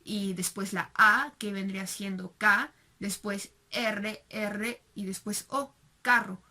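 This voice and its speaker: A woman's voice: mid-range voice, steady tone, takes it slowly, sharp tone. A young woman with a Mexican Spanish accent, giving a recorded class presentation with many fillers and rhetorical question tags. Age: young adult. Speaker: student presenter.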